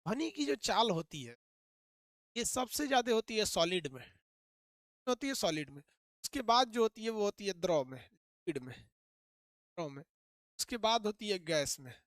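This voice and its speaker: A man teaching physics, talking rapidly, repeating points and quizzing his students. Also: high voice, sing-song, fairly bright tone, dry recording, studio quality. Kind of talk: animated classroom lecture.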